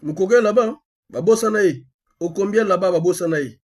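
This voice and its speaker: A Congolese man with a husky voice and Congolese accent hosts an activist live stream, delivering a colloquial monologue that includes a phone call. He speaks insistently at a quick pace, his voice sitting high, repeating phrases and posing rhetorical questions.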